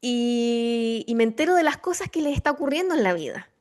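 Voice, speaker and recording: A woman's voice: fairly high pitch, big pitch swings, brisk, a little mellow. A woman with a Chilean accent hosting a casual spiritual podcast conversation, reflective and full of fillers and restarts. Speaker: podcast host.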